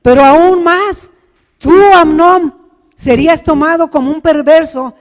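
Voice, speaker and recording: A man's voice: very high-pitched, normal speed, a little mellow, in a large hall. A man voicing a young woman pleading with her brother not to harm her, repeating her pleas insistently. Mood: desperate.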